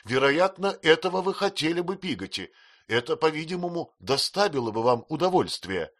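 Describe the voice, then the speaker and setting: A man voicing an emotional, tearful young widowed mother, in a high, plaintive, pleading voice. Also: big pitch swings, normal speed, fairly bright tone.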